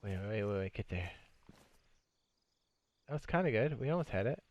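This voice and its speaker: This is casual live commentary from a man streaming a video game, thinking aloud while he plays in a relaxed, talkative way. His voice is on the low side at a moderate pace, and the recording sounds lo-fi but has no echo.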